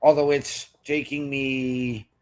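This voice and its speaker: A man of ordinary pitch co-hosting a casual podcast. He is laid-back and speaks in short, easygoing replies. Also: little pitch movement, takes it slowly. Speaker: co-host.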